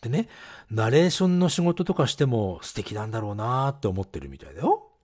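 A man's voice: medium pitch, sing-song, a little fast, darkish tone. A man co-hosting a casual podcast, reading listener letters, laughing often and explaining English phrases. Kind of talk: casual bilingual chat.

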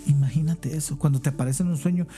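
A man on a podcast, telling lively anecdotes in casual chat and laughing often as he goes. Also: fairly high pitch, quick pace, faint music behind. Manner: animated, laughs while telling stories. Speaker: podcast guest. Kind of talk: casual storytelling.

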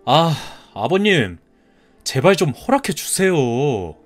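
A man's voice: a little high, big pitch swings, slow pace, faint music behind, exaggerated voice. A man in his thirties voicing a polite but stubborn young groom-to-be who answers back in a cartoon story. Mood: pleading. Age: 30s. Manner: polite, defiant retorts.

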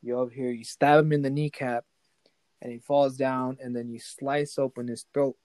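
A man's voice: medium pitch, level tone, normal speed, darkish tone, no echo. A man improvising a fantasy story as game master. He talks casually and keeps checking in with the player.

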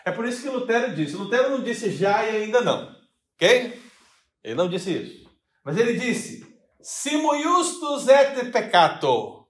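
A man's voice: high voice, animated, brisk. A male pastor with a Brazilian Portuguese accent, teaching a Bible study in a chatty way and asking his congregation questions. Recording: echoey church hall.

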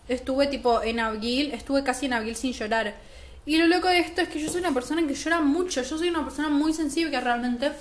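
A teenage girl vlogger with a Rioplatense Spanish accent talks in a chatty, emphatic spoken-diary monologue. Her voice is high and fairly bright, and the room sounds echoey.

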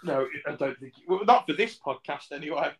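A man's voice: fairly high pitch, animated, a little fast. A man, a podcast host in casual chat, joking and teasing in an easygoing way.

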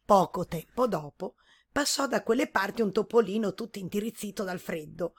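A woman storyteller reading a children's story aloud in a gentle, measured way. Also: mid-range voice, lively intonation, slightly rough.

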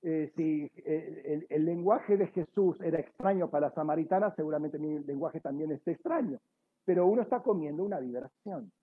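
A man with a high voice and a breathy edge teaches a sermon at normal speed, breaking down the words one by one. As a Bible teacher he often self-corrects, apologizes, and confirms his listeners understand, and the recording sounds tinny, like a phone.

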